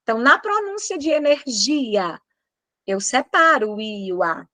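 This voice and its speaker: A woman's voice: on the high side, big pitch swings, moderate pace, pushed and bright, dry recording. A Brazilian woman teaching Portuguese in an online exam-prep lesson, emphatic, drawing out her example words.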